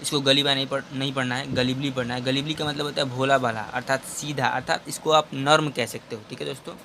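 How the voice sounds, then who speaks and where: Young male tutor, bright voice at mid pitch, slow explainer who keeps addressing viewers as friends; light background noise. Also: fairly even intonation, gravelly. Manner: reads English question lines slowly, then explains in Hindi. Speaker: English tutor for exam preparation. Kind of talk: exam-prep lesson.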